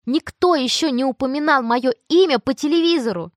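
A woman voicing an excitable teenage girl who gushes breathlessly. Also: medium pitch, normal speed, no echo, clean studio sound, natural voice. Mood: ecstatic gushing. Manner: squealing, breathless gush.

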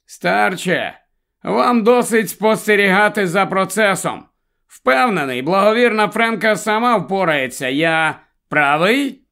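Male narrator plays a hearty, bossy stranger shouting orders; high and loud. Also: lively intonation, a little slow, gravelly, exaggerated voice. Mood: jovial. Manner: brash, jovial, shouting orders. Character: loud, overly hearty grown man pushing a car.

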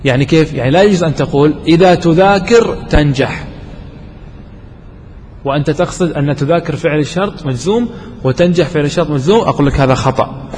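Male grammar teacher, higher voice, quizzes the class and repeats examples, long reverb and faint noise behind. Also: very fast, a little mellow.

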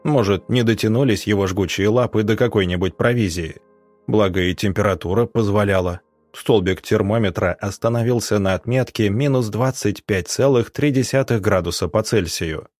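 A man narrating a story in a steady audiobook manner. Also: on the low side, normal speed, dry recording, soft background music.

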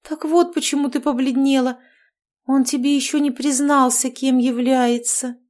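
A bubbly, steamrolling witch mother-in-law from an audiobook fantasy romance, put on by a woman reading it. She chatters high and bright, effusive and never pausing for others to answer. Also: steady tone, natural voice. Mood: gushing. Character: gushing, overbearing middle-aged witch mother-in-law.

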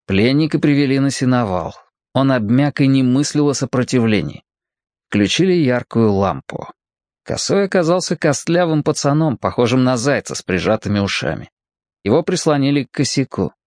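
A man narrating a children's story aloud with an expressive, vivid reading. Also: mid-range voice, normal speed, dry recording, clean studio sound. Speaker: audiobook narrator.

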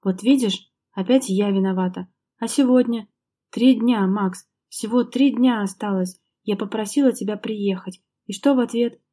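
A heated, jealous young wife snaps out accusations, her voice climbing and sharpening as she presses her husband, voiced by a woman reading an audiobook. The tone stays mellow and warm underneath, even at full volume. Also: medium pitch, normal speed, lightly acted. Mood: accusing. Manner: reproachful, sharp, raised voice.

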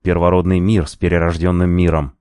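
A man reading a fantasy story aloud in a measured, even narration. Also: low-pitched, smooth, no room sound, studio quality. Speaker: audiobook narrator.

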